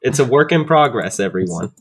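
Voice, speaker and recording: A man's voice: medium pitch, lively intonation, fairly quick, breathy edge. A man co-hosting a casual podcast, playful and goofy. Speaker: podcast co-host. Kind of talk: casual chat.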